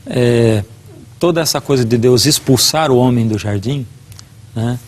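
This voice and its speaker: A man's voice: medium pitch, measured pace. A middle-aged man, a guest preacher, giving a devotional talk and telling a personal story earnestly, acting out the dialogue.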